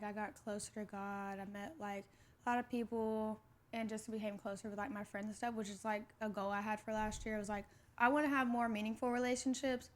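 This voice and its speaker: A woman in her twenties co-hosting a podcast, telling a story in casual chat with lots of "like" fillers. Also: mid-range voice. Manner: chatty, storytelling with many "like" fillers. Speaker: podcast co-host.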